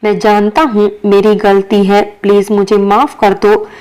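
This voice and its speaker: A woman voicing an apologetic male office boss in a storybook reading, speaking in a gentle, pleading way. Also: medium pitch, level tone, a little slow, clear, resonant tone, lightly acted.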